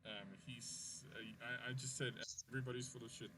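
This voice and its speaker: A man's voice: mid-range voice, steady tone, fairly quick, distant mic, heavy background noise. A man running a tabletop game as game master in a laid-back, laughing way, full of ums, his voice jumping in volume as his microphone cuts in and out. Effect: uneven volume, mic cutting in and out. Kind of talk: narrating a tabletop game over an online call.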